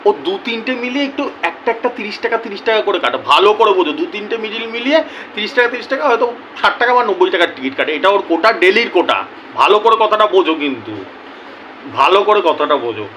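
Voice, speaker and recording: A young man telling viewers a story in a casual, animated way, acting out both sides of a conversation. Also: sits high, fast talker, a little hiss or hum, rough recording. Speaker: lottery tips YouTuber.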